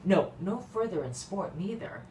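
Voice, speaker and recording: A woman's voice: lowish voice, expressive, moderate pace, mellow, close to an everyday voice. A woman acting in a classical stage comedy as a spirited, playful, mocking young noblewoman, recorded in a theatre. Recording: roomy, distant, faintly noisy stage recording.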